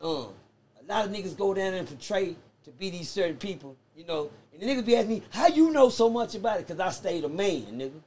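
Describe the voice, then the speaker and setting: A man telling prison stories in a casual podcast chat, animated and profane, acting out the voices of other people. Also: high voice, fast. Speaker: podcast guest.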